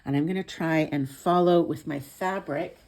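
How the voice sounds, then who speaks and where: A woman giving a step-by-step hands-on tutorial as an instructor, speaking in a careful, unhurried, informal and reassuring way. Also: deep voice, darkish tone. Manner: careful, unhurried, explaining each small step. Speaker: sewing instructor. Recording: some background noise.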